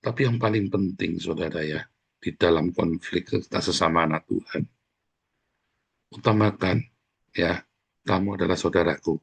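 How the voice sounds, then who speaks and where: Gravelly, husky-voiced man preaching a sermon. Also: sits low. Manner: conversational, scolding preaching with repeated "saudara" asides; acts out quoted speech in livelier voices. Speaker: pastor.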